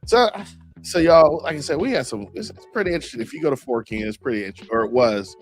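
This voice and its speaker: A man's voice: mid-range voice, fast talker, faint music behind. Slangy, laughing man hosting a podcast. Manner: slangy, animated storytelling with frequent laughs. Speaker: podcast host. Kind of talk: casual chat.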